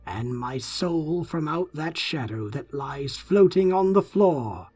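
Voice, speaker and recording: Guy reading gothic poetry, brooding n theatrical, husky voice, really animated pitch. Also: faint music behind. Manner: theatrical, brooding, deliberate phrasing. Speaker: narrator.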